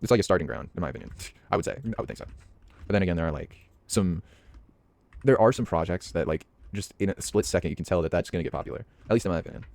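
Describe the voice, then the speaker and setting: A young man, a hobby voice actor and gaming vlogger, gives casual, rambling commentary while playing a game, hesitant and full of fillers and restarts. His deep voice is a little mellow, lively in intonation and fast, with no echo.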